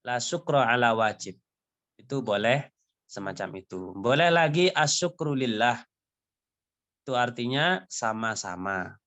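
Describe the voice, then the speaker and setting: A man's voice: mid-range voice, expressive, a little slow, pauses often, fairly bright tone. A male teacher walks his students through a short dialogue, reading each line and then unpacking it step by step. He talks in a patient, explaining way, sprinkling his sentences with small tag words as he goes. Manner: explains patiently, often ending phrases with "ya" and "gitu"; reads foreign dialogue lines aloud, then translates. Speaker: Arabic teacher. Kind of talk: online language lesson.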